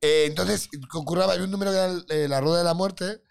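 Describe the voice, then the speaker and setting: A man, telling circus anecdotes in halting, joking chat with many restarts. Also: sits high, steady tone, gravelly, clear, resonant tone. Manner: halting, restarts often, jokes back. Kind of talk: casual comic chat.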